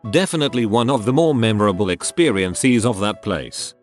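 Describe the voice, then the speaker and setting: A man narrating forum stories in a flat read-aloud delivery. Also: on the low side, brisk. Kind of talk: scripted narration. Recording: faint music underneath.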